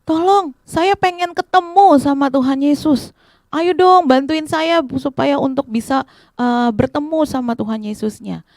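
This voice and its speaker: A desperate blind beggar, voiced by a woman, shouts his pleas high and loud, over and over. His voice is bright and strained with urgency. The sound is dry and close. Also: normal speed, creaky, dry recording. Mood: pleading shouts. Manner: loud pleading cries.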